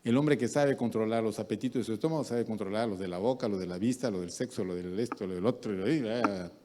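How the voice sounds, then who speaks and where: A man's voice: quick pace, slight background noise. A middle-aged man, a pastor delivering a sermon who acts out the voices he quotes. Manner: lively, acts out quoted voices with big pitch jumps.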